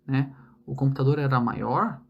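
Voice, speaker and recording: Man, from Brazil, young adult, online English lesson, explanatory, frequent tag questions, middle pitch. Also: steady tone, moderate pace, creaky, slightly rough, dull audio. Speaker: English teacher.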